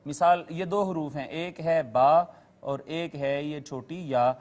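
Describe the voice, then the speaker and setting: A man's voice: on the high side, darkish tone. A man teaching a Quran course, patiently explaining letters and recitation rules, addressing viewers politely and repeating key terms with their meanings.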